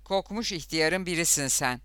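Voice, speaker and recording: A man voicing a bold, sharp-tongued young girl who hisses and scorns, in a storybook reading. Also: on the high side, animated, normal speed, clear, resonant tone, no room sound. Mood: haggling. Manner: hissing, scornful.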